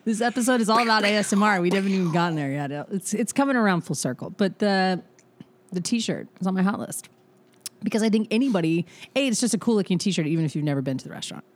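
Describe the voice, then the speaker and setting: A woman's voice: mid-range voice, lively intonation. A woman hosting a casual podcast, playful and teasing, with frequent swearing. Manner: playful, profane, quick to tease. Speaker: podcast host.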